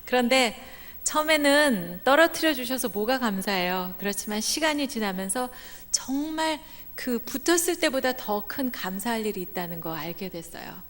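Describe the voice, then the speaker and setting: Brief: middle-aged woman guest preacher, animated storyteller, fairly high voice, long church reverb. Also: normal speed. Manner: animated, acts out quoted voices, laughs at own jokes. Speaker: guest speaker at a church revival meeting. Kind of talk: lively storytelling sermon. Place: church sanctuary.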